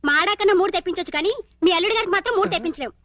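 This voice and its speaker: A woman's voice: very high voice, a bit bright, no room sound, studio quality. An actress playing a sassy young woman who teases as she tells a cheeky story. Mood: teasing. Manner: teasing, drawn-out telling.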